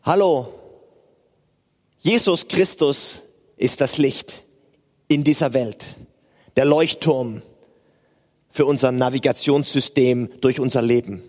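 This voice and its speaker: A pastor speaks to his congregation in an unhurried, earnest way. His voice rings with a long church reverb. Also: on the high side. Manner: slow, earnest preaching. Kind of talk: sermon.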